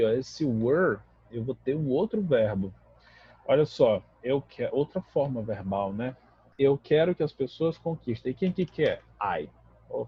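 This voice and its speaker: A man's voice: medium pitch, husky, muffled recording. A Brazilian man, a native Portuguese speaker, teaching an English grammar lesson in a patient, explanatory way that keeps checking in with the class.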